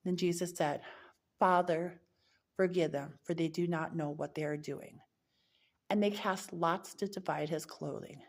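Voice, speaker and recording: Woman, deep voice, reading scripture aloud, occasional slips and self-corrections. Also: steady tone, normal speed, a little mellow. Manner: stumbles and corrects herself mid-word. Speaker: scripture reader. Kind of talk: reading a Bible chapter aloud.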